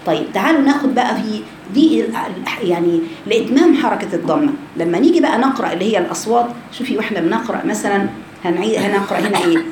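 Amid echo and background noise from a recorded class session, an Egyptian-accented woman leads a Quran recitation lesson. Her very fast, mid-range voice has lively intonation and a darkish tone as she explains and sounds out the rounded vowel, then quizzes the class.

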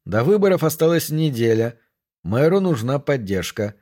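A man with a medium-pitched voice narrates a thriller audiobook, reading the scripted text in a measured, even storytelling style.

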